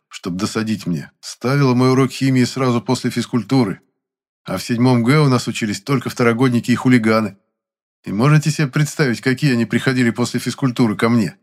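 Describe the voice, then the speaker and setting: A man narrating a first-person audiobook in an even, dry storytelling manner. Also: lowish voice.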